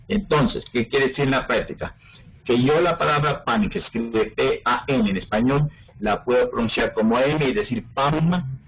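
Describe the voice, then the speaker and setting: A man's voice: medium pitch, breathy edge, dull audio. A man teaching an online phonology class, explaining step by step and often checking whether students follow. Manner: explains step by step, checks understanding with frequent questions.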